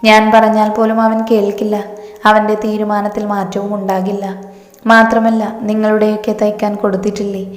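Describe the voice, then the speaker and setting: A woman voicing a calm, reassuring young father in a storybook reading, in an echoey room. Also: high voice, a little fast, close to an everyday voice. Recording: echoey room with long reverb.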